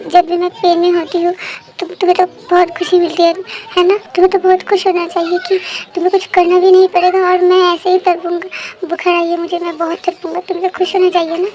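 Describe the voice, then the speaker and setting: Bitter feverish young woman, voiced by a woman, sarcastic and accusing, high voice. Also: flat delivery, fast talker. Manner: accusing, sarcastic, often quiet and drawn out.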